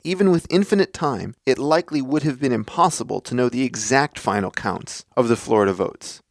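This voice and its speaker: A man hosting a podcast, delivering a scripted explanatory monologue in a measured, deliberate way. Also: medium pitch, animated, no room sound, studio quality. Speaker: podcast host.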